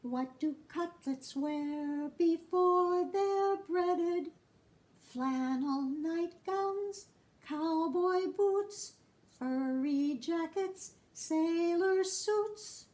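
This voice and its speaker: Woman putting on a high, sing-song little girl. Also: darkish tone, exaggerated voice. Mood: sing-song, playful. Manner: breaks into slow, chanting little songs.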